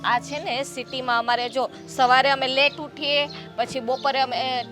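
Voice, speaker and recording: A woman's voice: sits high, level tone, moderate pace, music in the background, lightly acted. A woman playing a young, talkative daughter-in-law from the city who pleads and defends herself. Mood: pleading. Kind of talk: family drama acting.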